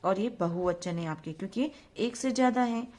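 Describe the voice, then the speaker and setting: A woman's voice: mid-range voice, lively intonation, normal speed, darkish tone. A woman school teacher, giving a recorded grammar lesson to young children. She talks patiently and repeats herself, asks questions and answers them herself, and mixes English words into her speech.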